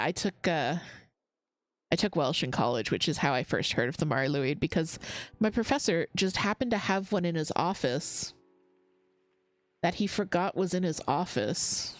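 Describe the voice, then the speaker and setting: A woman's voice: low-pitched, no room sound. A woman hosting a crafting livestream, chatting casually, reading chat comments aloud and laughing often. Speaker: livestream host.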